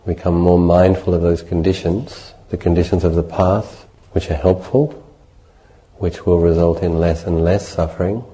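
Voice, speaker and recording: A Buddhist teacher leads a guided meditation, speaking in a measured, gentle way with deliberate pauses between short phrases. His voice sits low, and the audio quality is poor.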